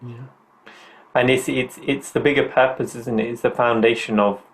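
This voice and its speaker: A man's voice: medium pitch, steady tone, normal speed. A middle-aged man hosting a podcast, talking in an earnest, upbeat, motivational way. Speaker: podcast host.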